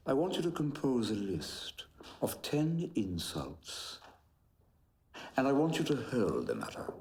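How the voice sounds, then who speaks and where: An actor playing an intense philosopher who guides a patient in a film drama. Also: male voice, mid-range voice, very animated, a little slow, a little mellow, roomy sound. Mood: coaxing. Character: intense male philosopher acting as therapist.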